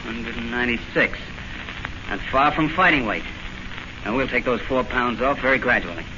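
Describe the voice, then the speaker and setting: An actor playing a brisk, firm, businesslike and protective boxing trainer in an old-time radio drama. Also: male voice, medium pitch, close to an everyday voice. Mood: brisk, easygoing. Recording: noisy, muffled old radio recording.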